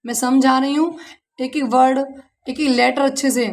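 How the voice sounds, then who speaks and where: A woman with a high voice and an Indian accent teaching a patient English lesson. She spells words out letter by letter, quizzes her pupils and answers for them. She calls them "beta" like a mother. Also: steady tone, normal speed. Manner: spells words letter by letter and asks the students questions. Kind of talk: classroom-style language lesson.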